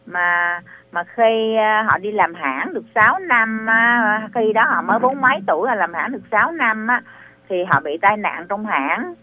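A woman's voice: medium pitch, animated, normal speed, phone-quality sound. A woman calling in to a radio advice show, asking on behalf of a friend and stumbling over repeated words as she explains. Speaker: caller. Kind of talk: call-in question.

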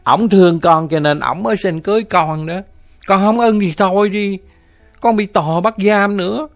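A man's voice: sits high, moderate pace, soft background music, voice pushed up. A man voicing a pious, fretful elderly mother who lectures and pleads, repeating her words. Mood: pleading.

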